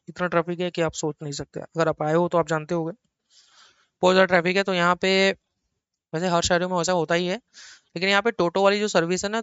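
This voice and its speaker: A middle-aged man teaching an accounting lecture at a laptop, chatty and animated, repeating words for emphasis and teasing his students in asides. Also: high-pitched, smooth, no room sound, lo-fi sound. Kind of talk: recorded online lecture. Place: small room at a laptop.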